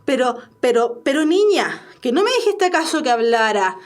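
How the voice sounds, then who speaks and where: A flustered old father who blusters and exclaims at every surprise, read out by a Chilean woman teacher. The voice sits high and indignant, as in a classroom play reading. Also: sing-song, moderate pace. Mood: blustering.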